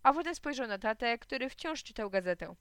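A woman reading a children's story aloud in a lively, expressive way. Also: fairly high pitch, a little fast, clear, resonant tone, no room sound, clean studio sound. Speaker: reader.

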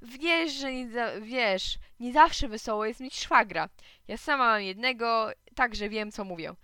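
A woman reading a busy, affectionate mother who gently chides her son. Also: a little high, a little slow, clean tone, dry recording, studio quality. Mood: chiding. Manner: chiding, affectionate.

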